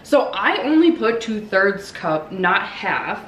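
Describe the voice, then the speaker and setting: Baking at home, a young cooking vlogger talks slowly in a sing-song, mid-range voice, hesitating often with ums and likes. The kitchen echoes, the microphone is distant, and a little hiss or hum can be heard.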